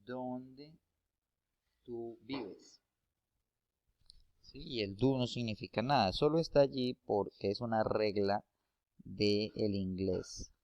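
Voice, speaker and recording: Slow, patient man explaining a lesson. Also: fairly low pitch, a little mellow, no echo, muffled recording. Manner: slow, patient, repeats and checks with "¿sí?". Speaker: English teacher. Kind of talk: classroom explanation.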